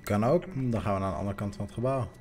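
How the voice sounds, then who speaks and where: A man's voice: lowish voice, fast, darkish tone, slight background noise. A man chatting casually and joking while playing a game with friends. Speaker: gamer. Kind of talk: casual gameplay chat.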